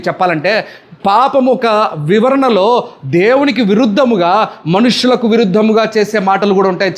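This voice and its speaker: Speaking in a high-pitched voice, this Telugu-accented pastor delivers a sermon. Again and again he throws questions at his congregation and insists they respond.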